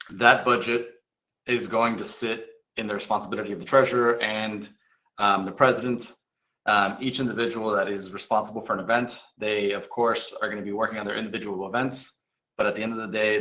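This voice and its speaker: A man moderates a panel in a relaxed, conversational way. His voice is low but crisp and forceful, and the room around him rings with echo. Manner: relaxed, conversational, some ums.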